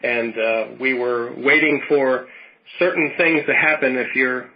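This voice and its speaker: A man's voice: medium pitch, measured pace. Rambling man in his fifties on a lo-fi line. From Western Pennsylvania. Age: 50s. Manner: rambling, warm storytelling with many restarts. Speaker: podcast co-host. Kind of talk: casual chat.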